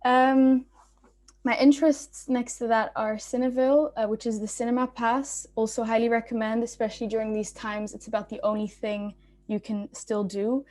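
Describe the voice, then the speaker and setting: A woman's voice: fairly high pitch, level tone, normal speed, darkish tone. A young woman from Belgium, a student speaker, giving a casual, informal talk on a video call with many ums and restarts. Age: young adult.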